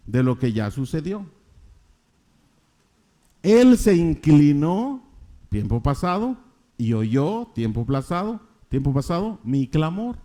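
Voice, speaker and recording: Preacher with a mellow voice. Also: male voice, fairly high pitch. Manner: questions the congregation, repeats key phrases emphatically. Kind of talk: sermon.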